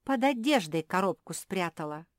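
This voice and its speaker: A woman voicing a lively, insistent young female pug in a children's audiobook, with a raised, eager voice. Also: fairly low pitch, normal speed, no room sound, clean studio sound, lightly acted.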